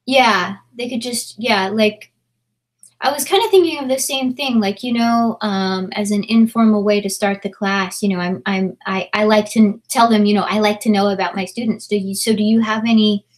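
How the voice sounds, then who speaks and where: A woman's voice: medium pitch, moderate pace. A woman who teaches adults, chatting casually on a live video call in a thoughtful, rambling way with many fillers. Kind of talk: casual live-stream chat.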